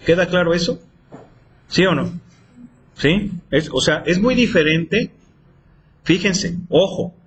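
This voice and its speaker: A man's voice: on the high side, a bit bright, a little hiss or hum. A man teaching math in a classroom, quizzing students with repeated questions. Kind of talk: classroom lecture.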